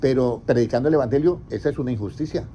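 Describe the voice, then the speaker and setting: A man's voice: mid-range voice, rapid-fire, mellow. A man, preaching as a pastor. He keeps asking his congregation questions and then answering them himself. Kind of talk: interactive sermon. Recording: slightly dull, faint background noise.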